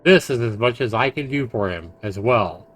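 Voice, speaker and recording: Streaming a visual novel, a man reads it aloud haltingly, stumbling, correcting himself, and tossing in casual asides. His voice is medium-pitched and expressive.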